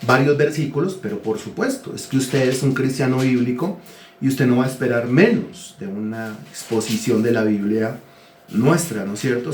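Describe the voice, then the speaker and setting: A man's voice: mid-range voice, darkish tone, echoey room, slight background noise. A man preaching a teaching sermon, asking his listeners questions and telling them what to write down. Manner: asks the congregation questions and dictates words to write. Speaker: pastor.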